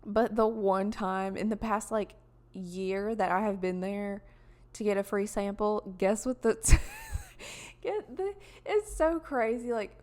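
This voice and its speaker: Young woman with a twang, podcast host, slow and meandering, lots of "like" and "um". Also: medium pitch, darkish tone. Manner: rambling, chatty, lots of fillers and laughs. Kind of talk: casual solo podcast chat.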